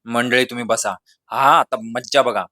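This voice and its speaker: A man's voice: on the low side, steady tone, brisk, a bit bright, no echo, clean studio sound, close to an everyday voice. A man reading a storybook voices a cunning village exorcist who coaxes, bargains and then bosses the crowd. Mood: bossy. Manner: coaxing, then bossy and showy. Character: boastful middle-aged village exorcist, cunning and brash.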